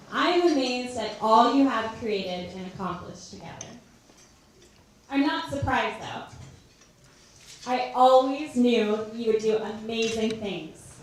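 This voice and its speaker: Slow-paced woman giving an echoey wedding toast. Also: a little high. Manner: deliberate storytelling delivery with pauses for comic effect. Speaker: maid of honor, sister of the bride. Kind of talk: wedding toast, prepared speech with anecdotes. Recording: very echoey room, far from mic, faint noise.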